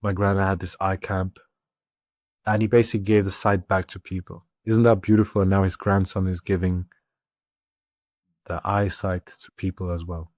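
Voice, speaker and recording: Male podcast host, tearful and raw, low-pitched, dry close recording. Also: little pitch movement, normal speed, a little mellow, dry recording. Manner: tearful, swings between crying and laughing. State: crying. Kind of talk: emotional solo podcast talk.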